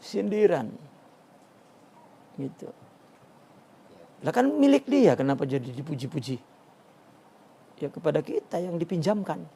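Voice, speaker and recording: Male religious teacher, gravelly dark voice, slightly high, halting lecture with restarts. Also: sing-song. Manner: halting, with frequent restarts and filler "ya". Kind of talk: Sufi text study lecture.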